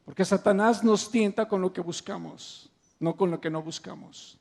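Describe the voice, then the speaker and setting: A man's voice: high-pitched, moderate pace, gravelly, a little mellow. A man preaching a sermon with impassioned, emphatic swells and rhetorical questions to the congregation.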